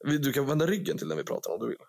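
En ung man från Sverige som programledare i en podcast, pratar livligt och skämtsamt med svordomar. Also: medium pitch. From Sweden. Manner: animated, joking, swearing storyteller. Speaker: podcast host. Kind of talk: casual chat.

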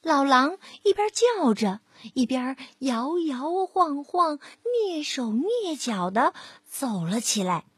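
A woman reading a picture book aloud to a child, with gentle, drawn-out storytelling and lively emphasis. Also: sits high, no echo, studio quality.

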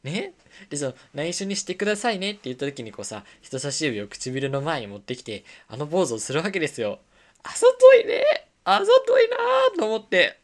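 A young adult woman hosting her own talk radio show, telling stories casually and acting out the lines of people she met. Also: a bass voice. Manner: animated storytelling, acting out quoted lines.

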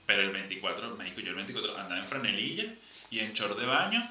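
A man's voice: on the low side, sing-song, fast, bright, forceful tone, distant mic. A young man with a Venezuelan accent, joking and teasing in a casual chat. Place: lives in Argentina. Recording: roomy, off-mic with faint noise.

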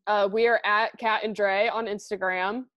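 A woman's voice: medium pitch, fairly even intonation, moderate pace, dry recording, highs cut off. A woman co-hosting a podcast in casual, informal banter, swearing freely. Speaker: podcast co-host.

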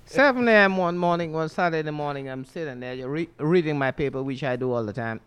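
A man's voice: on the high side, a little fast, clean tone. A man with a Caribbean accent, a barber telling funny stories in casual chat at a barbershop, laughing often. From Saint Lucia. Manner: animated, laughing storyteller. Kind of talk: casual storytelling.

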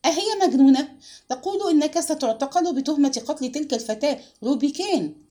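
A woman reading aloud and voicing an excitable young wife who speaks high and agitated. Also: fairly quick, natural voice.

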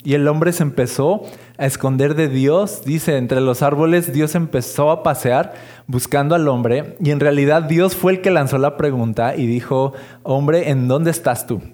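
A man preaching a sermon in a conversational way, slowing down for the lines he quotes. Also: on the high side, darkish tone.

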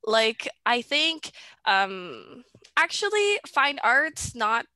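A woman in her twenties from the Philippines, chatting as a podcast guest over a video call. She hesitates, restarts and fills gaps with "um," with a bright, pressing tone. The sound is dry with no room around it. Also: fairly high pitch, big pitch swings, drawn-out words, dry recording. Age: 20s. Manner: hesitant, many fillers and restarts, giggly. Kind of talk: casual video-call interview.

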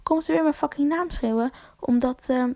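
A woman's voice: sits high, brisk, mellow, no echo, studio quality. A young woman telling a rambling, slangy story to camera, full of fillers and swearing. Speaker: vlogger.

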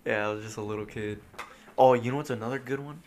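A man's voice: mid-range voice, steady tone, fast talker, crowd noise. A young man co-hosting a casual podcast, rambling through his stories with lots of fillers and laughing as he tells them. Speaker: podcast co-host.

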